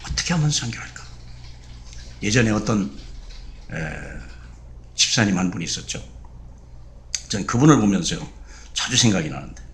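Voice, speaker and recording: A middle-aged man preaching a sermon as a pastor, telling a story with lively bursts and acted-out quotes. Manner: animated, acts out quotes with sudden high bursts.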